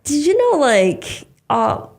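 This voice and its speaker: A Cantonese-speaking stand-up comedian from Hong Kong chats as a podcast guest in casual conversation, hesitant and trailing off into restarts and many fillers. Her voice sits high with wildly swooping pitch, slow and a little mellow.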